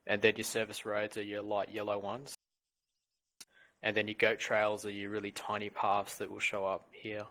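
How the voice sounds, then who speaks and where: A man speaking up in a voice chat for a game, his voice a little low. He starts hesitantly and repeats words before getting his point out, then explains the map plainly. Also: completely flat delivery, moderate pace, pushed and bright, rough recording. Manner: hesitant, restarts a lot. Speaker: trainee player. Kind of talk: casual voice-chat question.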